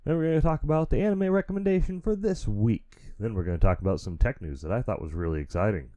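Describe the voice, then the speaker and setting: Here the podcast host is a fast talker, expressive and mellow, with a naturally deep voice. Alone at home and sick and stuffy, he rambles casually and frankly into a studio mic through an audio interface, with frequent chuckles.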